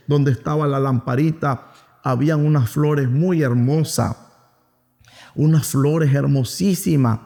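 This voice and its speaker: Gravelly Venezuelan preacher in a reverberant hall. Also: male voice, on the high side, mellow. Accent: Venezuelan Spanish. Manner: storytelling with acted quotes, addresses listeners as "mis amados". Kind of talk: Sunday school sermon.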